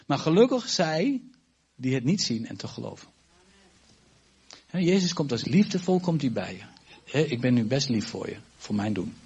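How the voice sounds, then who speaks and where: A man's voice: medium pitch, sing-song, moderate pace, pauses often, darkish tone, slightly rough, lo-fi sound. A man preaching a sermon to his congregation, emphatic and repetitive, with stumbles and asides to the listeners. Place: church congregation.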